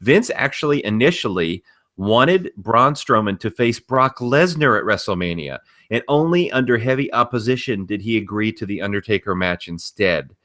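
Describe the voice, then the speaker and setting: This wrestling podcast co-host has a forceful, very bright voice sitting fairly low, and he speaks at a moderate, animated pace. His opinions come out bluntly and casually, with plenty of profanity along the way.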